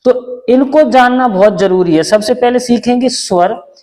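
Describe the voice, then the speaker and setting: A man from India with a very high-pitched, somewhat mellow voice teaches an introductory lesson without hurrying, his words echoing in a large room. He goes step by step, repeating patiently and answering the questions he raises.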